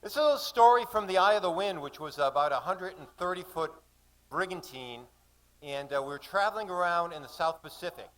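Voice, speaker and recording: A man in his sixties performing a sea story to a live audience at a café, shouting out the sailors' calls. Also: sits high, animated, brisk, low-quality recording. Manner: dramatic, shouts out the calls and quoted voices. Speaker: storyteller reading at a poetry gathering.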